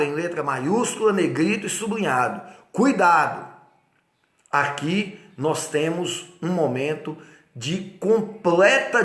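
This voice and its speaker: Brazilian guy teaching law for an exam, kinda high voice, echoey room, keeps repeating the important bits. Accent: Brazilian Portuguese. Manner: emphatic, repeats key points, asks rhetorical check-ins. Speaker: law lecturer. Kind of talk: exam-prep law lecture.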